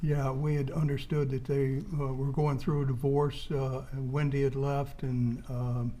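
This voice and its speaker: A man giving courtroom testimony as a witness in a hesitant, halting, understated way. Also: medium pitch, little pitch movement, warm tone.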